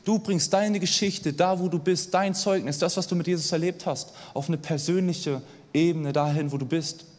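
A young man delivers a sermon in a casual, lively way, often turning to his listeners with a quick question. His voice sits fairly high. A long reverb from the hall trails each phrase. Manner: lively, conversational, asks the audience "oder?" often. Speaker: preacher.

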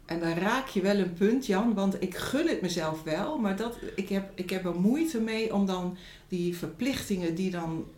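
A woman's voice: medium pitch, moderate pace, darkish tone. A middle-aged woman, a school director, speaking in an interview in a reflective, hesitant way with many fillers. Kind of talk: interview and reading aloud. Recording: echoey room, faint music.

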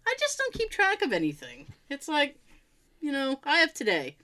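A woman's voice: high-pitched, normal speed. A woman in her forties co-hosting a podcast, chatting casually and telling stories with frequent laughter. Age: 40s. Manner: animated storyteller, laughs often. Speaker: podcast co-host. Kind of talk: casual chat.

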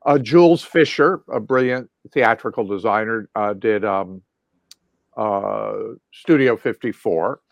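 A man's voice: on the low side, measured pace, creaky, no room sound. A male guest lighting designer recalling old projects in a rambling, casual way, full of fillers and restarts. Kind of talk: casual recollection.

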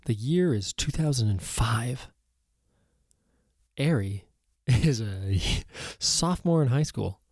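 A man's voice: mid-range voice, animated, slow, a little mellow, no room sound, clean studio sound. A man with a slightly froggy, throaty voice hosting a solo podcast in a casual, musing way. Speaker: podcast host.

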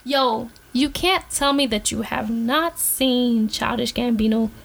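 Woman co-host, relaxed slang-heavy delivery, upper-range pitch. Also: slow pace, gravelly. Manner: slangy, laid-back, laughs often. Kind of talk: casual podcast chat.

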